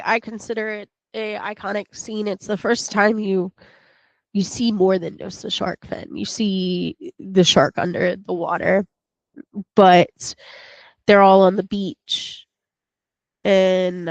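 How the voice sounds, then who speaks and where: A woman's voice: mid-range voice, dry recording, highs cut off. A woman co-hosting a podcast, retelling a film casually with many fillers and restarts. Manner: rambling retelling full of fillers and restarts, acting out quotes. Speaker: podcast co-host.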